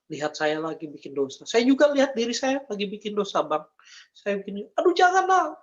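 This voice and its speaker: High-voiced earnest man giving testimony. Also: big pitch swings, fairly quick, muffled recording. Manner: earnest, repeats phrases, addresses listeners as brother and sis. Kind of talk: emotional faith testimony.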